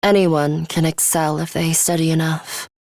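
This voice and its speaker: In English video game voice acting, a woman plays a serious, coolly arrogant schoolgirl fighter with a bloodthirsty streak, delivering a measured monologue in a formal, precise, faintly sinister manner. Her low, darkish voice has little pitch movement and a normal speed, sounding composed and aloof with no echo.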